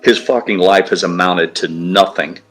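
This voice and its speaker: Bright in tone, his deep voice moving at a moderate pace, a livestream co-host rants casually with blunt language and plenty of profanity as part of relaxed stream chat.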